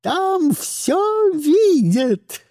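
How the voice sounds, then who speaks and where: A man doing a hysterical poisoner woman with a high, shrill, shrieking delivery, her words dragged out slowly. The voice is dry and close, with no room sound, as in an audiobook read in a treated booth. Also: big pitch swings, gravelly, mellow, no echo, heavily acted. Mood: fanatical shrieking. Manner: shrieking, frantic.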